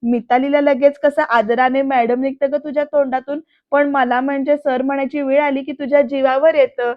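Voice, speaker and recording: A woman's voice: sits high, level tone, normal speed, no echo, lo-fi sound, close to an everyday voice. Woman reading a sarcastic bossy young boss. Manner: sarcastic, ordering.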